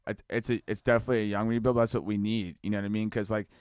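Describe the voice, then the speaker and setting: A man's voice: fairly low pitch, little pitch movement, racing, a little mellow, smooth, no echo, clean studio sound. A man hosting a casual football podcast, rambling loosely with restarts and asking "you know what I mean?". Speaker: podcast host.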